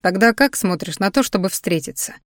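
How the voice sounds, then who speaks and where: A woman voicing a calm adult man who soothes and teases his young girlfriend in an audiobook. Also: medium pitch, fairly quick, no echo, studio quality, natural voice. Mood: soothing. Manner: soothing and teasing. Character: calm grown man, tender boyfriend.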